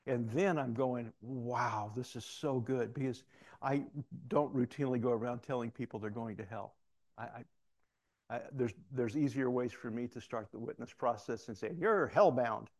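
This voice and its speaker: A man's voice: mid-range voice, steady tone, normal speed, a little mellow. A middle-aged man preaching a sermon, telling a personal story and acting out the voices of the people in it. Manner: storytelling, acts out quoted voices with asides.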